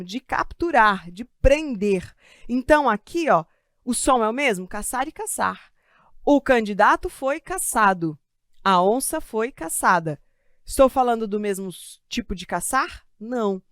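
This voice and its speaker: A Brazilian woman teaching Portuguese grammar in an online exam-prep class. She talks in a chatty, joking way and draws out key words slowly to stress them. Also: a little high, no echo, clean studio sound. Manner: lively, stretches key words slowly for emphasis; chatty asides and self-joking humor. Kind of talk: live online grammar lesson. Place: studio with a desk of computers.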